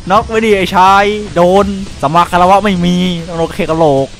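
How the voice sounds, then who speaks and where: A man's voice: sits high, brisk. A man giving casual, crude, joking commentary while playing a shooter game, with faint music behind him. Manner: excitable, crude banter, sings and jokes mid-fight. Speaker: gaming streamer.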